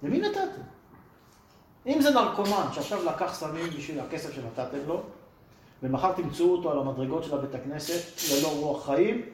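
A man with a high voice that swings up and down a lot gives an emphatic Torah class. He keeps throwing rhetorical questions at his listeners. His voice echoes around the room he teaches in. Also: expressive, slight background noise. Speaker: religious teacher. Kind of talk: Torah class with audience replies. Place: room with a live audience.

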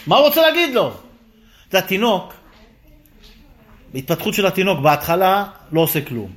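A man teaching a lively Torah class, firing rhetorical questions and acting out the dialogue. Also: sits high.

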